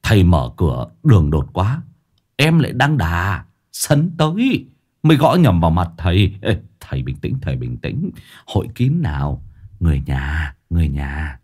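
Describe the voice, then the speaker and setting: A man's voice: lowish voice, wildly swooping pitch, moderate pace, darkish tone. A man doing an easygoing young fisherman. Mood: placating. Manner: easygoing, placating.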